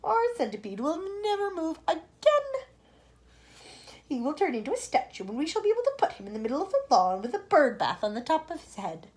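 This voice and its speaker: A woman's voice: high voice, sing-song, a little fast, a little mellow, pitched above the performer's own voice. Woman playing a whiny, gloomy earthworm. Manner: whiny and fretful. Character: gloomy anxious male earthworm.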